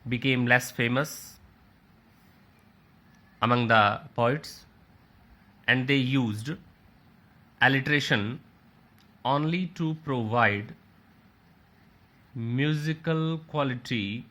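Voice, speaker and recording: A man lecturing on literature at an unhurried pace. His voice is bright and clear, and he repeats each definition in new words. He points his listeners through examples on a slide. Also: medium pitch. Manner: slow, explains by restating and rephrasing.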